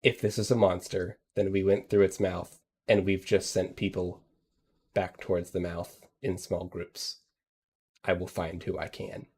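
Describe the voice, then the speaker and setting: A man voicing a worried female hobgoblin crew member in a tabletop game, hushed, insistent and grim. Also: on the low side, big pitch swings, brisk, husky.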